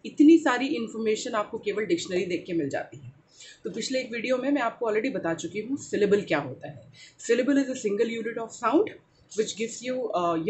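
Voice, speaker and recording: A woman English teacher with an Indian accent explains pronunciation. She switches between Hindi and English and says each example word slowly. She often checks in with "right?" and fills gaps with "uh, you know.". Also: medium pitch, a little mellow, a little hiss or hum. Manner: slow, drawn-out modelling of example words. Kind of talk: explaining to camera.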